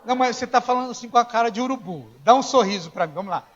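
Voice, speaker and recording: A man preaching a sermon as pastor, telling stories in a conversational way, acting out the dialogue and now and then rising to a shout. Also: extremely high pitch, racing. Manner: conversational storytelling, acts out dialogue, rises to shouting. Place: church. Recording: dull lo-fi church recording.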